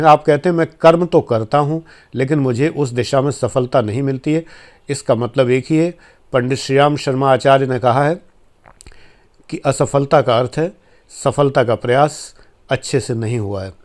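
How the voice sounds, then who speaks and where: A man's voice: medium pitch, a little mellow. A man in his fifties from India, giving an informal spoken lecture to viewers in an earnest, admonishing way. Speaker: life coach and former administrator.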